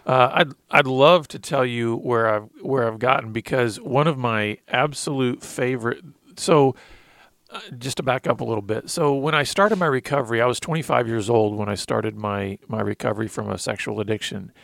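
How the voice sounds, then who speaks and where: A man's voice: medium pitch, moderate pace, creaky, a bit bright, no echo. A man in his thirties co-hosting a faith-based talk, earnestly telling his recovery story and quoting scripture with emotion. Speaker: podcast co-host sharing recovery testimony.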